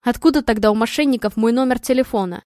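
A woman's voice: on the high side, fast talker, mellow, no echo, studio quality, natural voice. A woman voicing a panicky hot-headed husband. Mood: angry. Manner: desperate and defensive.

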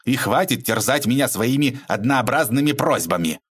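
A man voicing an irritable middle-aged shop owner who snaps and shouts when pushed. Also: medium pitch, animated, normal speed, husky, pitched above the performer's own voice. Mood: firm. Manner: exasperated, shouting.

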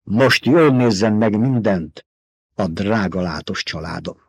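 A man's voice: lowish voice, expressive, husky, no echo. A man voicing a cunning, arrogant young male noble fighter, speaking his cold, gloating thoughts in an audiobook.

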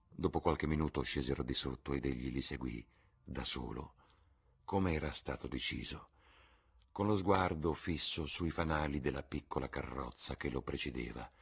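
A man reading a classic novel aloud as narrator, with a husky voice and a measured, subdued delivery. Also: extremely low pitch. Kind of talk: audiobook reading.

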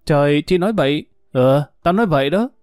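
A bitter older woman, drunk and cursing, drawls her grievances in a slow, coarse grumble, voiced by a male reader. The sound is dry and close, in a storybook reading. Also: on the high side, lively intonation, darkish tone, dry recording, lightly acted. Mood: brusque.

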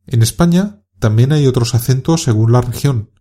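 A man from Spain with a Castilian Spanish accent, giving a scripted podcast lesson for learners in a calm, clear and encouraging way. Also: mid-range voice, normal speed. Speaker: Spanish teacher.

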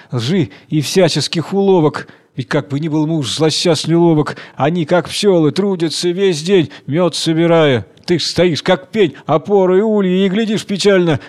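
A man's voice: fairly high pitch, darkish tone, lightly acted. A man doing a grumbling, henpecked tavern keeper. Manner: complaining, confiding to friends.

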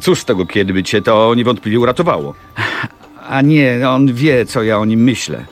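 A man voicing an impatient, cynical young factory manager who speaks briskly, in an audiobook reading of a classic novel. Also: mid-range voice, expressive, faint music behind, pitched above the performer's own voice, close to an everyday voice. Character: cool, pragmatic young male factory manager.

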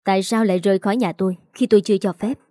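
A woman's voice: mid-range voice, steady tone, racing, mellow, no echo, studio quality, natural voice. A woman voicing a cold, controlling male teacher who speaks in stern commands. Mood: harsh.

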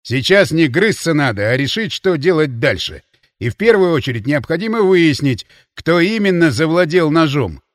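A man reading the part of a stern male deputy commander who speaks briskly and with authority. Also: a little high, big pitch swings, no room sound, studio quality.

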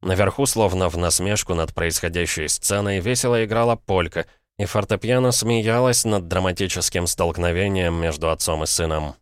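A man narrating an audiobook in an even, measured way. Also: low voice, clear, resonant tone, dry recording, clean studio sound. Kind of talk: scripted narration.

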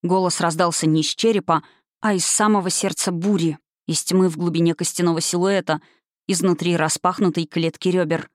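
Measured woman audiobook narrator. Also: fairly low pitch, steady tone, dry recording, clean studio sound. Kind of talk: scripted narration.

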